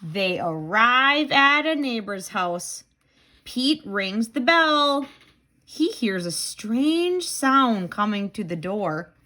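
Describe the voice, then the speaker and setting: A woman with a slightly high voice reads a children's storybook aloud at a slow pace. She is animated and expressive, using dramatic gasps and simple, clear phrasing, and dramatically asks questions of her young listeners.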